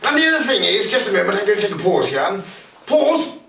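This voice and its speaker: A man's voice: high-pitched, very animated, fairly quick, gravelly, pushed and bright. A man rambling through a crude mock-instructional comedy monologue, swearing a lot. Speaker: comic performer. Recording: echoey room, far mic, noisy.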